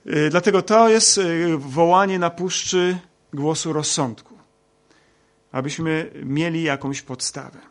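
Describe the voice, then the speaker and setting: A man teaching a Bible lesson, talking slowly with many hesitations and fillers. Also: a little high. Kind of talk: lecture with slides.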